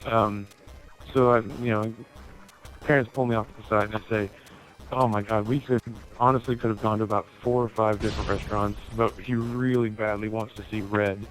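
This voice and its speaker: Over gameplay in an online video, a man with a fairly low voice recounts a funny story a little quickly, cursing liberally and performing the dialogue of both parties. Faint music sits behind him, and the recording quality is poor.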